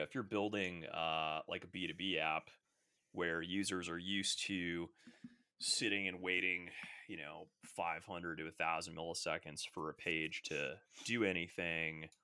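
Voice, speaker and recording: A man's voice: deep voice, sharp tone, clear, resonant tone, dry recording. A man co-hosting a casual tech podcast, talking loosely with lots of fillers and asking his co-host to explain. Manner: casual, filler-heavy, questioning.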